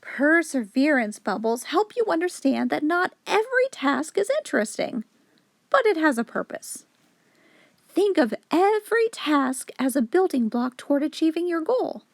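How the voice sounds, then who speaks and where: A high-voiced woman, hosting as a children's story reader, reads a picture book to young kids at a moderate pace, her voice a touch gravelly. Her very animated rise-and-fall delivery explains things instructively, and the sound is dry and close with no echo and little room.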